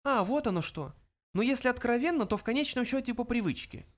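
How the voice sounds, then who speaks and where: Frankie, a brisk squeaky mouse voiced by a man. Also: lively intonation. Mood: businesslike.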